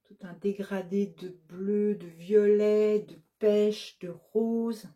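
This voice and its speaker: A woman's voice: mid-range voice, fairly even intonation, slow pace, mellow, muffled recording. A woman who runs a yarn shop, casually showing her new colorways on camera, listing the colors one by one with many hesitant fillers. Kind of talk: casual product show-and-tell.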